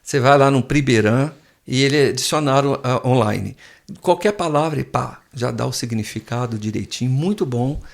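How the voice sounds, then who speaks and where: A man's voice: mid-range voice, moderate pace, creaky. A man, a guest professor who explains things patiently with frequent restarts in a casual podcast chat in a studio.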